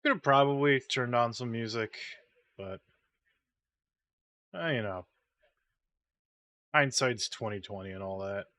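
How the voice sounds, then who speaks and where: A man's voice: medium pitch, unhurried, long pauses, sharp tone, no room sound. A man chatting casually while streaming a game, sleepy and rambling, humming idly while he waits. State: sleepy, yawning. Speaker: gaming streamer.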